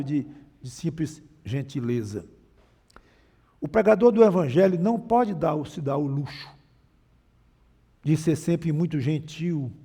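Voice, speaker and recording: Man, Brazilian Portuguese accent, preaching, emphatic, gravelly, reverberant hall. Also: a little high, darkish tone. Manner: emphatic, varies volume and pace, mimics mocking voices. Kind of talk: sermon.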